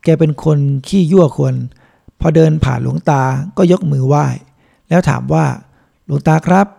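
Male monk reader, calm measured audiobook narration, gravelly and mellow, a bit high. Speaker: monk reading a book aloud. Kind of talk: audiobook reading.

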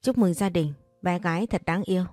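A woman's voice: fairly low pitch, brisk, dark tone, no room sound, studio quality, soft background music, close to an everyday voice. A woman reading as a reassuring male doctor.

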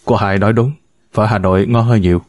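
A man's voice: lowish voice, fairly even intonation, brisk, a little mellow, dry recording, natural voice. A man voicing a sly, teasing grown man who jokes his way through a read-aloud story. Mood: joking. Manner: jokey, teasing. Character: sly, joking grown man, a returning lover.

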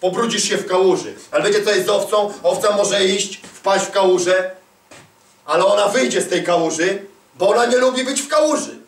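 High-voiced man preaching in an echoey hall. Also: fairly quick, distant mic. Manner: emphatic, repeats lines and calls for answers. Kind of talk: charismatic sermon. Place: large hall at a church conference. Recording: echoey hall, voice away from mic.

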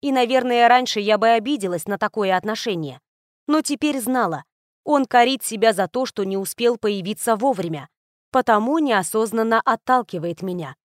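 A woman's voice: a little high, lively intonation, moderate pace, dry recording, studio quality. Woman reading a fantasy audiobook. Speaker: audiobook narrator. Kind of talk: scripted first-person narration.

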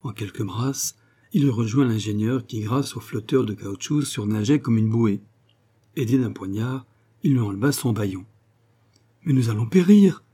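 A man reading an adventure novel aloud as an audiobook narrator, in a measured, steady storytelling manner. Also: fairly low pitch, slightly rough.

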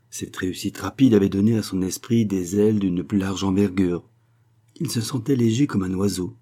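A male audiobook reader narrating a novel at a measured, even pace. His voice sits very low and dark, with a husky grain to it.

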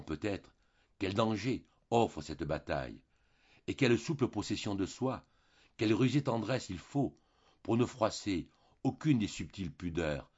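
A man narrating a classic novel for an audiobook, reading in a slow, measured way. His voice is very low and husky. The recording sounds dull and lo-fi. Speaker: audiobook reader.

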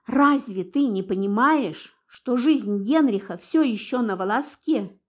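Gruff stern father for an audiobook, blunt and impatient, read by a woman, high and lively. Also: a little slow. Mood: insistent. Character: grim stern older father, a commanding man.

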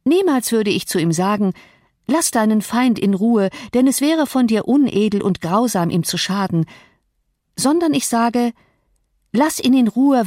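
In an audiobook, a woman narrator with a mid-range voice plays a proud, sharp-tongued young woman, speaking with cutting emphasis. The recording is dry and close, with no room sound.

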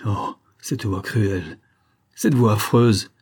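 A man's voice: takes it slowly, darkish tone, slightly rough, heavily acted. A man voicing a delirious, grieving sick woman who cries out shrilly and repeats herself. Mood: anguished. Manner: shrill, repetitive, wailing.

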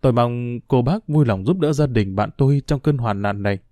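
A man reading an earnest young gentleman. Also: mid-range voice, a little fast, no echo, natural voice.

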